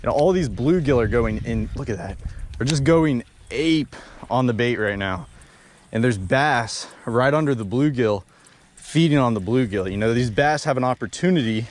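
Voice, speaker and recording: A young man vlogging while bank fishing at a pond outdoors, talking in excited slang and bursting into shouts. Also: mid-range voice. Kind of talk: excited outdoor vlog commentary.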